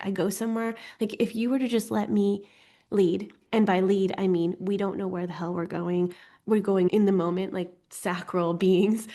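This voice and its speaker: A woman hosting an informal online astrology course teaches in a playful, chatty, giggly way, tossing in self-deprecating, lighthearted asides. Her medium-pitched, mellow voice is slightly congested as she gets over a cold.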